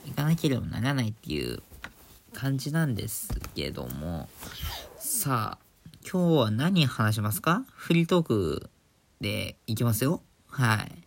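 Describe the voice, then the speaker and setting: A man hosting his own casual talk show, speaking quietly for a late-night recording, chatty, with many fillers and giggles, recorded indoors on a phone. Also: medium pitch, very animated, measured pace, vocal fry. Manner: hushed, holding back volume for a late recording. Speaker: podcast host. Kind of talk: casual solo radio talk.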